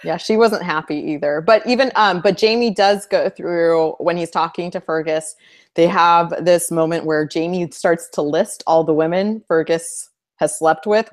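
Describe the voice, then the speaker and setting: A woman with a slightly low voice talks in a loose, chatty way. She is opinionated and laughs as she speaks, co-hosting a casual fan chat. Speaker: co-host. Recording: web show hangout recording.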